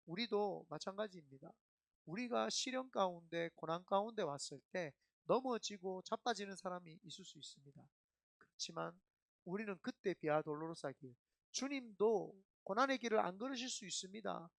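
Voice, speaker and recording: A middle-aged man, a senior pastor, preaching a sermon in an emphatic, animated storytelling way. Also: high-pitched, moderate pace, vocal fry, no echo, studio quality.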